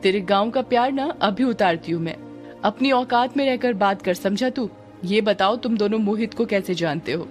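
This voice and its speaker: Storybook read-aloud: a woman voicing a scolding policewoman, stern, commanding, over soft music. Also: medium pitch, normal speed, lightly acted. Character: stern angry female police officer.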